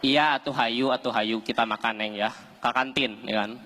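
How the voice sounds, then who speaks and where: A man's voice: medium pitch, fairly even intonation, moderate pace, bright, forceful tone, voice pushed down, lightly acted. A man voicing a young male student, a boyfriend who drawls lazily with a Sundanese accent. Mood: easygoing.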